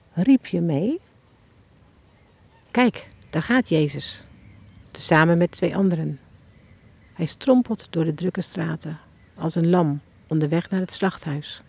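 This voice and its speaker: A woman tells a devotional story as an eyewitness, turning again and again to the listener with questions. Her voice is gravelly and has a husky edge. She sounds like a children's author reading her own story aloud. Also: low-pitched, a little mellow. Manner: addresses the listener directly with questions, as if standing at the scene.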